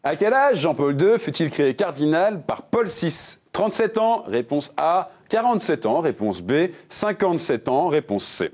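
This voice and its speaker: A jokey quiz-show host whose pitch swings up and down as he reads each question. He sits a little high for a man and keeps things light, slipping puns between the answer options. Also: big pitch swings, moderate pace, few pauses, darkish tone. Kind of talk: game show hosting with puns.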